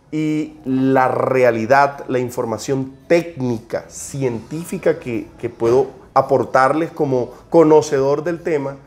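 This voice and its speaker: A man's voice: medium pitch, darkish tone. Hesitant Colombian man, guest. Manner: hesitant, many repeated words and fillers. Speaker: guest, cigar producer. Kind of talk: conversational interview.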